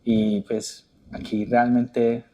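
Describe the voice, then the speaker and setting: A man hosts a reflective podcast conversation. His voice is warm and a little raspy. He builds his questions slowly, restarting as he thinks. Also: medium pitch, level tone. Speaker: podcast host. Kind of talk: conversational interview.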